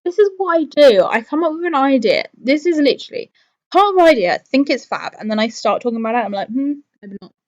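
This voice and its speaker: Higher-voiced woman rambling casually on a live stream. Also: very animated, quick pace, lo-fi sound. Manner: rambling, thinking aloud, changes own mind. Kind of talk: casual rambling chat to viewers.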